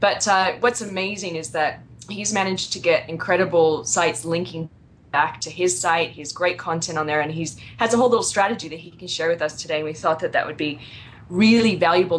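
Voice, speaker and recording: A woman's voice: lowish voice, a little hiss or hum. Chatty American woman co-hosting a podcast. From United States. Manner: chatty, laughing, with fillers. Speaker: podcast co-host. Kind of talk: casual podcast chat.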